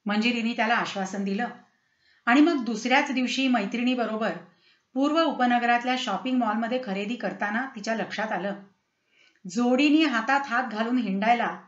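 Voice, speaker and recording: A woman reading a story aloud in a lively, dramatic way, slipping into character voices. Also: a little high. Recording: roomy, slightly dull recording.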